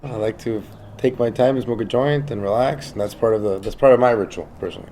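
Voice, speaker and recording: A man's voice: on the low side, fast, dark tone. A man giving a casual tasting commentary as a cannabis reviewer, musing in a laid-back stoner manner. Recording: clearly noisy recording with clicks.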